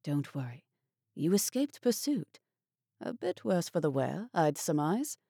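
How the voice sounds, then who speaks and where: A woman voicing a kind, courteous young gentleman who speaks calmly and reassuringly. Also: sits low, a little slow, gravelly, husky, no room sound, clean studio sound, full character voice.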